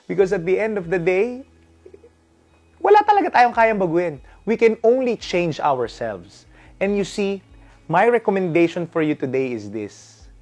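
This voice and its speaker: Brief: Filipino-accented man in his 30s, motivational vlogger, high-pitched, very expressive storyteller. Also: a little slow. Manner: animated, mixes English and Tagalog, acts out his own outbursts. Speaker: vlogger giving relationship advice.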